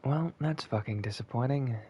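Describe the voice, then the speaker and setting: A man streams a video game with casual commentary, reading on-screen text aloud and being blunt, sweary and prone to exasperation. His mid-range voice is mellow and moderately paced, with a little hiss or hum in the recording.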